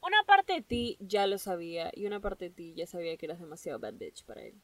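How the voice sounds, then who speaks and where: A woman hosting a solo podcast, giving an excitable, gushing pep talk and dropping English phrases into her speech. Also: on the low side, quick pace, no room sound, distant mic. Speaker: podcast host.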